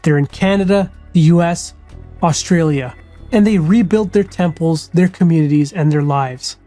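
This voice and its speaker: A woman reading scripted documentary narration in a measured, solemn manner. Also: lowish voice, dark tone, soft background music.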